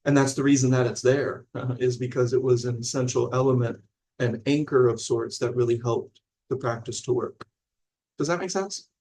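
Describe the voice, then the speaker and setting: Reading viewer comments during a live stream, this Illinois man in his forties teaches mindfulness in a loose, rambling, conversational way that keeps checking in with listeners. His mid-range voice is mellow and moves at normal speed.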